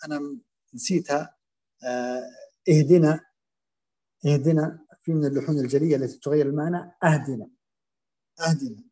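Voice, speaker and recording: A man teaching Quran recitation, explaining and demonstrating common pronunciation errors in a halting, filler-heavy way. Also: fairly high pitch, mellow. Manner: hesitant, many fillers and restarts, demonstrates pronunciations aloud.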